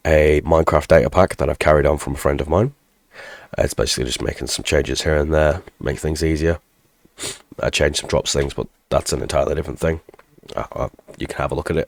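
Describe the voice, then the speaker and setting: A man in his thirties, congested from a cold, rambles through an update for his tech tutorial channel, correcting himself as he goes. His voice sits extremely low with a heavy gravelly fry. The recording is dry and close, with no room sound. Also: no echo. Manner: rambling, self-deprecating, restarts mid-sentence. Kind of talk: casual channel update with screen walkthrough.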